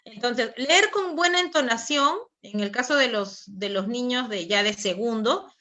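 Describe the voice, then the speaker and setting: Bright Peruvian woman giving a teacher talk. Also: on the high side, a little slow. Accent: Peruvian Spanish. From Peru. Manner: tag questions, frequent fillers, conversational. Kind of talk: online teacher training talk.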